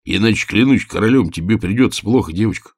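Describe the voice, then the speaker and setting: A man playing a cruel male overseer who speaks in a gruff, slow, threatening way. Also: fairly low pitch, no room sound, studio quality. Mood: menacing.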